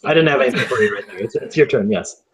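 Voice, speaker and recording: A man running a tabletop game as game master, explaining the rules in halting stretches full of ums and restarts. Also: mid-range voice, noisy background.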